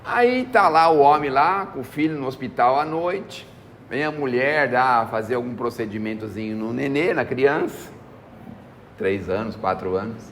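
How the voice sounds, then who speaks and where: In a big-sounding room with slight background noise, a spiritist lecturer with a Brazilian Portuguese accent gives a folksy spiritual talk. His mid-range voice is animated and a bit bright at a moderate pace, and he tells anecdotes, acts out the voices he quotes, and keeps asking "né?"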